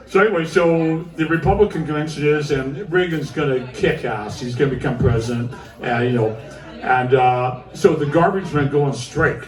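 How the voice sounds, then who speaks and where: A man performing live in a music club, telling a long, profane story between songs, full of asides and "right?" tags. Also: medium pitch. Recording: roomy live club audio, from far off.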